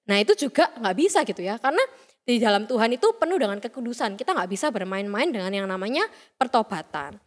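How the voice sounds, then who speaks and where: A woman's voice: medium pitch, lively intonation, quick pace. A young woman giving a chatty, playful youth sermon, often acting out quoted voices. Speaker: youth service speaker. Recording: reverberant hall sound.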